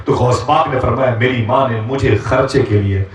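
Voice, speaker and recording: A man preaching a sermon in style, telling a story dramatically and acting out its characters with rising, impassioned delivery. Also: mid-range voice. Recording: echoey hall, speaker far from mic.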